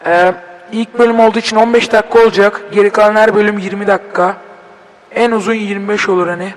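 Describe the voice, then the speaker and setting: A young man with a Turkish accent commenting on a horror game as he plays, joking, swearing and breaking into panicked shouts. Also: sits high, fairly even intonation, quick pace, long reverb tail, poor audio. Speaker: gaming video host.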